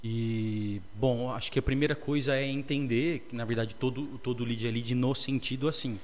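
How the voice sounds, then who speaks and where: A man's voice: mid-range voice, moderate pace, slight background noise. A man co-hosting a casual business podcast, talking animatedly and acting out sales messages. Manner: animated, acts out customer messages. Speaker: podcast co-host. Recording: loud music under the voice.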